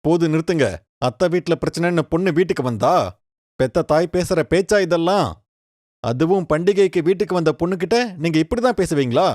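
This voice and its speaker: A woman voicing a kind, protective young man in a cartoon story, with a lowered, earnest voice. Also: brisk, darkish tone, dry recording, clean studio sound, lightly acted. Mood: indignant.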